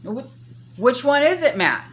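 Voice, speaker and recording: A woman's voice: high-pitched, big pitch swings, a little slow. A woman vlogging casually to her viewers, talking in a blunt, emphatic, folksy and sweary way. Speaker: vlogger addressing channel viewers. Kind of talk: casual opinionated vlog talk.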